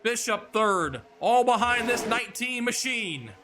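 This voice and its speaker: A man calling a sim racing event as play-by-play commentator, excitable and exclaiming, sometimes breathless. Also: very high voice, a little slow, music in the background. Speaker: race commentator.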